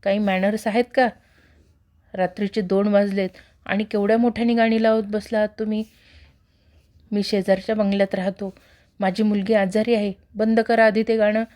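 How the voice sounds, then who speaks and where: A woman voicing a gruff but kind old man of about sixty who scolds curtly. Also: mid-range voice, little pitch movement, normal speed, pauses often, darkish tone, lightly acted. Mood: scolding. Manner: scolding, curt.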